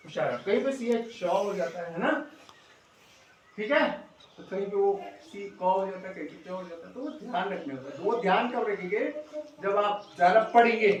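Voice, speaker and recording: A man's voice: sits high, fairly bright tone. A middle-aged male schoolteacher, teaching a class and coaxing the pupils with constant check-in questions. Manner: coaxing, keeps asking "है ना?". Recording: echoey room, distant mic, faint noise.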